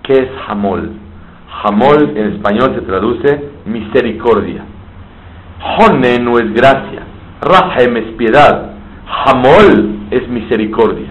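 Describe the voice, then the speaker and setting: A man's voice: medium pitch, animated, slow. Man teaching a sermon. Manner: explains terms in Hebrew and Spanish, asks and answers his own questions. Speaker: rabbi teaching Torah. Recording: slightly dull, faint background hiss.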